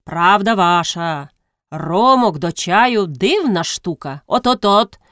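A woman's voice: lowish voice, lively intonation, fairly bright tone, dry recording, studio quality. Woman doing a boisterous boozy deacon. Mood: blustering. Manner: blustering, boastful, slow bellowing. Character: boisterous hard-drinking male deacon.

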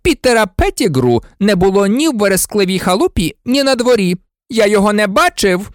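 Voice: mid-range voice, huge pitch swings, measured pace, darkish tone, no echo, clean studio sound, voice pushed up. A reader voicing a cold, sneering middle-aged male professor in a storybook, full of contempt.

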